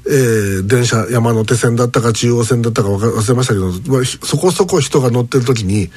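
A man hosting a casual radio chat, telling stories in a lively way. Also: mid-range voice, quick pace, slightly rough, dry recording. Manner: storytelling, lively, chuckling.

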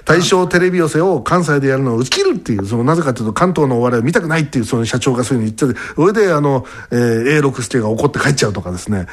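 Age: adult. Sex: man. Pitch: lively. Role: radio host. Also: very fast, hardly any pauses, breathy edge. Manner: chatty, explanatory, laughs often. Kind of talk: casual radio chat.

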